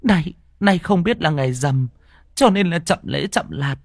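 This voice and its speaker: A man's voice: on the high side, expressive, moderate pace, vocal fry, no echo, studio quality, pitched above the performer's own voice. A man voicing a fretful old village woman, stammering as she implores. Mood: pleading.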